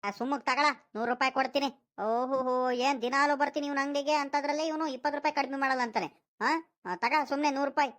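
A woman's voice: high-pitched, steady tone, fairly quick, a bit bright. A woman voicing a stingy, fussy old village grandfather in a cartoon, nagging and haggling, with a rural Karnataka Kannada accent. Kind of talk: cartoon voice acting.

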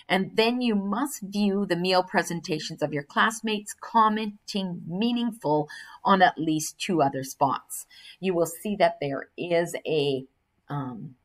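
Older woman teacher explaining an assignment. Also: fairly low pitch. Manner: explaining step by step, reading instructions aloud, with fillers and self-corrections. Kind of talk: recorded screen-share lesson. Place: indoors at a computer.

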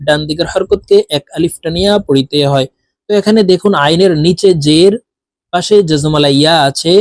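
A man teaching Quran recitation, drawing out each syllable slowly in a spelling drill and explaining rules quickly in between. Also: on the high side, no room sound, studio quality. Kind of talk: slow spelling drill lesson.

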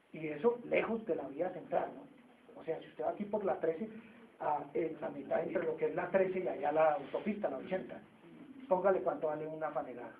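A man's voice: on the high side, a little hiss or hum. A man with a Colombian accent giving an emphatic business lecture, who keeps asking the audience rhetorical questions. He sounds far from the mic, with a tinny, echoey tone. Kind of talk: classroom lecture. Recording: distant echoey phone-like sound.

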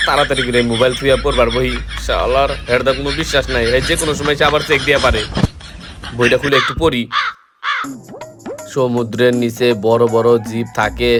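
A man's voice: mid-range voice, fairly even intonation, brisk, over music, natural voice. Man doing a muttering schoolboy. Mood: grumbling. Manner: muttering, stumbling reading aloud. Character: lazy schoolboy grumbling over homework.

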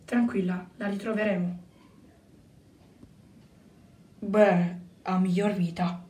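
A woman voicing a calm adult man who speaks quietly and teases the others, in a homemade toy-brick film. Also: mid-range voice, unhurried, pitched below the performer's own voice, natural voice. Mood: easygoing. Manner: laid-back, quiet, teasing. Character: calm joking adult man, group member. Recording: roomy, distant mic.

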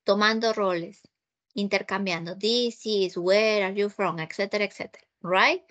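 A Peruvian-accented woman teaches English online by video call, mixing Spanish and English as she patiently repeats herself and checks that students understand. Her mid-range voice is unhurried and a bit bright, with fairly even intonation.

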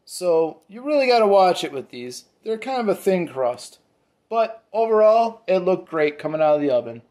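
A man's voice: high voice, very animated, moderate pace, darkish tone. Easygoing man hosting a home pizza review. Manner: easygoing, talks to his son, many ums and likes. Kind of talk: casual food review chat. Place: home dining table, indoors. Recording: roomy home echo.

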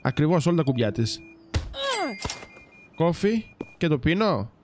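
A man's voice: on the high side, sing-song, background noise. A man giving casual let's-play commentary, chatting to viewers and teasing the game's characters. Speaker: gaming YouTuber.

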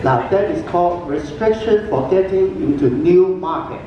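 An older man whose first language is Cantonese tells jokes as a talent show contestant in a cruise ship's large atrium, chatty and full of pauses and fillers. He uses a handheld mic through a booming PA, filmed from afar by a distant camera, so the sound is lo-fi with a noisy background.

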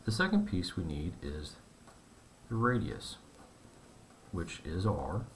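A man teaching a math lesson, explaining step by step in a relaxed, conversational way. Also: low voice, takes it slowly, a little hiss or hum.

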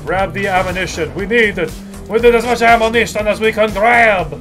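A man doing a hammy, boastful mech-pilot doctor in a put-on French accent, pitched high in a light voice. Game music plays steadily behind him. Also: brisk. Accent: mock French.

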